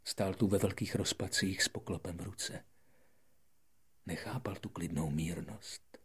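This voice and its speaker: Husky male storybook narrator. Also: deep voice. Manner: lively, dramatic storytelling, often dropping to a whisper. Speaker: audiobook narrator. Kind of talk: expressive audiobook narration.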